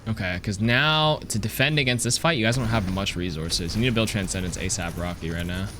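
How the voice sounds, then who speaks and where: A man's voice: on the low side, brisk, noisy background. A man reviewing gameplay as a coach, talking casually in a blunt, analytical and sometimes sweary way. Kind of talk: casual live game review commentary.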